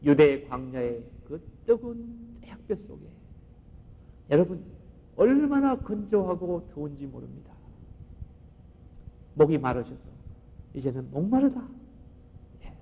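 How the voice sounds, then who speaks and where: A male pastor preaching a sermon with emphatic, animated delivery, often asking the congregation questions. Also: fairly high pitch, measured pace, pauses often. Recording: muffled recording in a reverberant hall.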